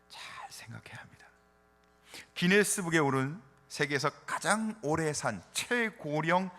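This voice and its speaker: Lively middle-aged male pastor preaching. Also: mid-range voice. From Chungcheong, South Korea. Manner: animated preaching with rhetorical questions and gentle humor. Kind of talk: sermon. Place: church sanctuary. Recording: reverberant church hall.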